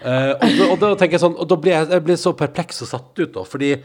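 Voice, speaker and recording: A man hosting a podcast, telling a long anecdote in casual chat and acting out what people said. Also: a little high. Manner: animated anecdote-telling, acts out quoted voices. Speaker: podcast host.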